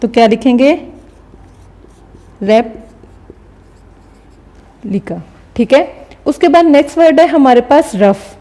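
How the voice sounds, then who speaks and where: A woman teaching a recorded lesson, her voice slightly high and mellow. She explains patiently and step by step, stopping often to check that the class is following. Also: lively intonation, fairly quick. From Pakistan.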